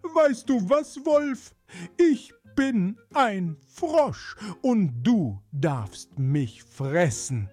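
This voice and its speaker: A man voicing a chattering female frog who parrots everything she hears, in a shrill, squeaky mimicking voice. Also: big pitch swings, very slow, darkish tone, soft background music, heavily acted.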